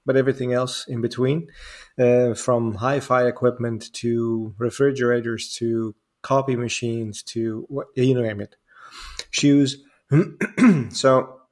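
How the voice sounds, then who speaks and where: A man in his forties from the Netherlands, a native Dutch speaker, telling stories as a guest on a podcast with lots of fillers. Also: medium pitch. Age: 40s. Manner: rambling, self-amused storytelling with frequent fillers. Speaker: guest diving instructor. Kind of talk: casual podcast interview.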